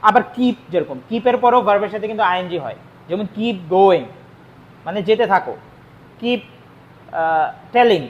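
A man from Bangladesh, teaching spoken English in a classroom lesson. He explains slowly and repeats each phrase in Bengali and English. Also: sits high, highs cut off.

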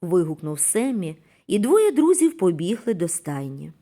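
A woman narrating a children's story in a gentle, expressive reading voice. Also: on the low side, moderate pace.

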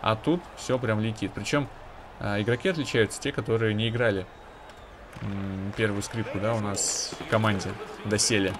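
A man's voice: on the low side, fairly even intonation, moderate pace, background noise. A man giving casual, conversational commentary on his own hockey video game, with analytical asides to viewers.

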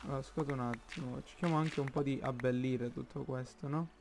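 A man with an Italian accent commenting on his own Minecraft play, slow and halting, thinking aloud with many fillers. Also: mid-range voice, steady tone, gravelly, a little mellow, soft background music. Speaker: gaming YouTuber.

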